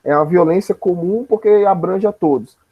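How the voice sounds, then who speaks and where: A teacher with a Brazilian Portuguese accent gives an informal, didactic lecture, often using tag questions to check that listeners follow. His voice is high, a little fast, and slightly rough. The recording's highs are cut off.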